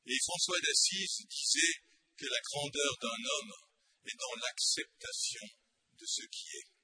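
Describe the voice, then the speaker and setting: A man's voice: very high voice, wildly swooping pitch, slow, bright, forceful tone, no room sound. A man preaching a sermon, impassioned and full of rhetorical questions.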